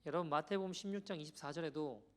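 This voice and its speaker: A man preaching a sermon as pastor, conversational and animated as he tells a story to the congregation. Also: a little high, quick pace. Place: church sanctuary.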